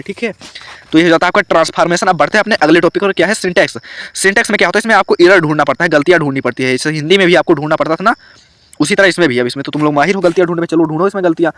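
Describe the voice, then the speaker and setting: Indian man teaching grammar, fairly high, dry. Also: rapid-fire, fairly bright tone, no room sound. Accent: Hindi. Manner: explains step by step, asks students questions. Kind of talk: online grammar lesson.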